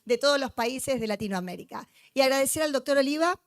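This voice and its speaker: Woman, high-pitched, dry close sound, joking conference lecture, teases the crowd. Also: lively intonation, fast talker, no echo. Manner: chatty, joking, teasing the audience. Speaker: conference speaker. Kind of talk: lively lecture to a live audience. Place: conference hall with audience.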